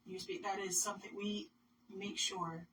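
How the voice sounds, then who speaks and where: Earnest woman musician, soft trailing phrases. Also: mid-range voice, steady tone, normal speed. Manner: earnest, thoughtful, drops to near whisper at phrase ends. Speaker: musician guest. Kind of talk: reflective interview talk. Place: radio studio. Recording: distant mic with background noise.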